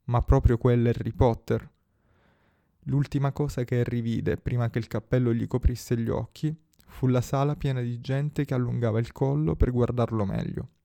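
A man reading a novel aloud as narrator, steady and measured. His voice is gravelly with a dark, mellow warmth. The recording is close and dry. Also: mid-range voice, no room sound. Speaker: audiobook narrator. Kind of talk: scripted story narration.

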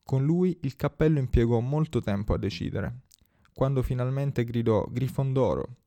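A man reading a novel aloud as narrator, steady and measured. His voice is gravelly with a dark, mellow warmth. The recording is close and dry. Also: medium pitch, no echo. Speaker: audiobook narrator. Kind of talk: scripted story narration.

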